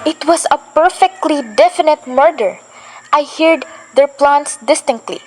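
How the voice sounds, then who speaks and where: A fretful, demanding invalid housewife who grows impatient and talks in a rush, voiced by a young actress. Her voice sits high. It is a school radio play production. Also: a little hiss or hum, rough recording. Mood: agitated. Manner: fretful, impatient, talks fast when agitated. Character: anxious, demanding invalid housewife, adult woman.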